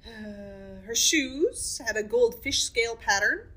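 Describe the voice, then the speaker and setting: Bright-voiced woman chatting casually. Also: a little high, lively intonation, takes it slowly. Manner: chatty, blunt opinions, laughs often. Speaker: podcast co-host. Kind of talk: casual chat about fairy tale history.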